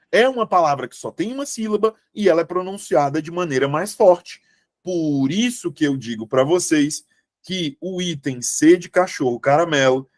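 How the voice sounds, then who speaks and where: Young guy teacher going over grammar for a test, talks slow, keeps asking ok?, dry mic. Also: on the high side, no room sound. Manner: lively, coaxing, asks the class frequent checks. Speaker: Portuguese teacher. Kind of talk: exam-prep lesson.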